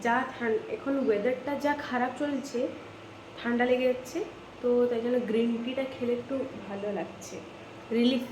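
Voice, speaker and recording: Woman vlogger, West Bengal accent, high voice, chatty and direct to camera, home kitchen. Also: steady tone, normal speed, background noise. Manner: chatty, talks straight to viewers. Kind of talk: casual home vlog.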